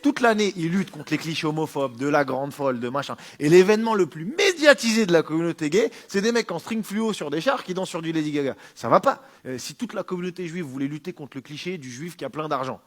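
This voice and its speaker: Male stand-up comic, fairly high voice, lively swings, sardonic and argumentative, casual monologue. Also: fast, hardly any pauses. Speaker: stand-up comedian.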